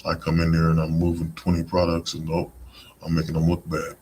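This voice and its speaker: A man's voice: rumbling low, completely flat delivery, fairly quick, warm tone, a little hiss or hum. A man hosting a live-streamed podcast, talking in a rambling, conversational monologue full of "you know" asides. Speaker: podcast host.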